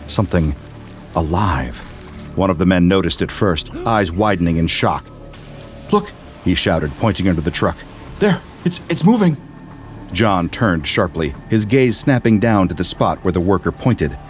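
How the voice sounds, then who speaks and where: A man narrating a scripted horror story in a steady, measured way. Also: deep voice, soft background music.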